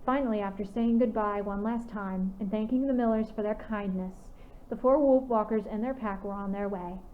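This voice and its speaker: Brief: woman narrator reading fan fiction, steady, tinny lo-fi audio. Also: medium pitch, moderate pace, slight background noise. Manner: steady reading with occasional restarts.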